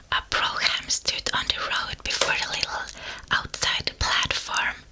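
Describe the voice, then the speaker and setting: A woman whispering a storybook aloud for ASMR, slow and deliberate, very close to a binaural ear microphone. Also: sharp tone, low-quality recording. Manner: whispering throughout, unvoiced. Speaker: ASMR reader.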